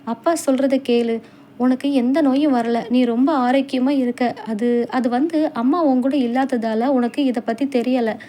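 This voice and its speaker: A woman's voice: high-pitched, steady tone, measured pace, mellow, a little hiss or hum. A woman voicing a caring widowed father who talks to his daughter tenderly and anxiously. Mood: soothing. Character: caring widowed father, middle-aged man.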